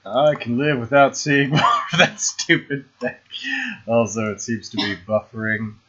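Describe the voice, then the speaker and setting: A man's voice: mid-range voice, normal speed, pushed and bright. A man chatting casually while live-streaming a card game, hesitant and full of fillers and restarts. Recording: dull lo-fi stream audio.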